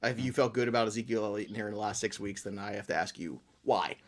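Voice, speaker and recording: A man's voice: lowish voice, fast. A man who is a guest on a sports podcast, talking casually, joking and laughing often.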